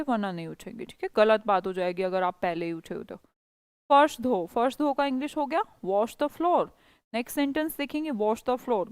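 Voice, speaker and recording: A woman's voice: on the high side, smooth, no room sound, studio quality. A woman teaching a spoken English class, coaxing students and quizzing them by repeating phrases.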